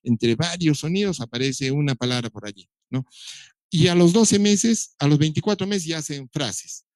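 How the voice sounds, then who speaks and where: A man's voice: fairly high pitch, no echo. A middle-aged man, giving a recorded lecture on how children learn to speak, explaining step by step with touches of dry humor. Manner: explanatory, imitates baby sounds, dry humor. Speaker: doctor lecturing on child development.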